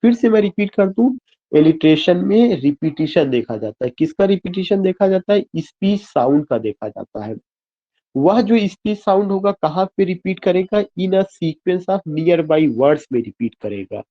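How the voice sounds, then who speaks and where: A man's voice: sits high, sing-song, unhurried, muffled recording. Teacher quizzing his online class. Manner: mixes Hindi and English, spells words out letter by letter; asks the class questions and answers them himself.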